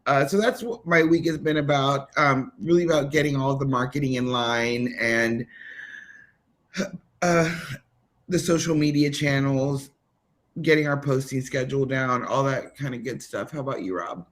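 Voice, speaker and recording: A man on a livestream chat, enthusiastic and quick to laugh as he recaps his week. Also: medium pitch, steady tone, a bit bright. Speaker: marketing lead.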